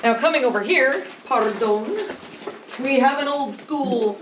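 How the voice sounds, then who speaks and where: High-voiced woman guiding a mine tour. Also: a little slow, a little hiss or hum. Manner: chatty, joking, explanatory patter. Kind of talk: guided tour explanation. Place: underground coal mine tunnel.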